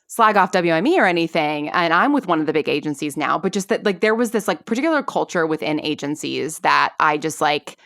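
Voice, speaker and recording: Low-pitched with lively intonation and a fairly bright edge, she talks a bit quickly with vocal fry and hardly pauses. The woman, in her thirties, is a podcast guest who creates and performs audio dramas, spinning casual stories loaded with fillers like "like" and "sort of," in studio-quality sound with no room tone.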